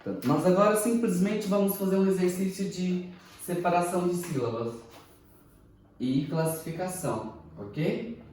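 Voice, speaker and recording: A man teaching a recorded class, speaking slowly and deliberately, spelling out words syllable by syllable and often checking "ok?". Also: high voice, darkish tone, a little hiss or hum. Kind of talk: recorded online class lecture. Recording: echoey room, mic far off.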